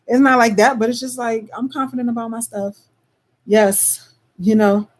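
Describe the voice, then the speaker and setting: Chatty woman, slightly high voice. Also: steady tone, normal speed. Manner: loose and conversational, frequent "you know what I'm saying"; slips into a put-on Caribbean lilt. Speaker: vlogger. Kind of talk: casual monologue.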